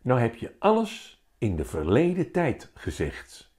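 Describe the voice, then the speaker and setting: A man's voice: mid-range voice, measured pace, pitched above the performer's own voice. A man voicing a playful, theatrical bearded schoolteacher. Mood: teacherly. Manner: theatrical, animated teaching.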